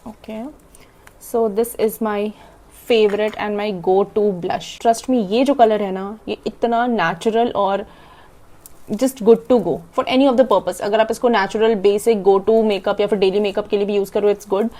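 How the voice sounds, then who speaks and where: A young Indian woman with an Indian accent, chatting fast through a casual makeup tutorial as she applies it and swallowing half her words. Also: mid-range voice, steady tone, mellow. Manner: chatty, demonstrating while applying makeup. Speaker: makeup vlogger. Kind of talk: casual makeup tutorial, Hindi-English mix.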